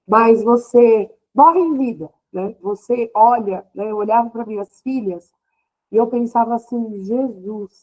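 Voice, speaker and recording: A woman's voice: fairly high pitch, unhurried, a little mellow. A woman in her thirties giving an emotional church testimony to a women's group, often adding "né?". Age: 30s. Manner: emotional, repeats "né?" often, voice rising in quoted speech. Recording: slightly dull lo-fi recording.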